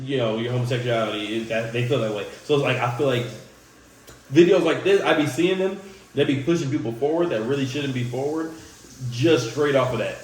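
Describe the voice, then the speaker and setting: A man's voice: medium pitch, fairly quick, recorded from a distance. A man hosting a reaction video, talking casually with lots of fillers. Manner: relaxed, conversational, many fillers. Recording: echoey room with faint noise.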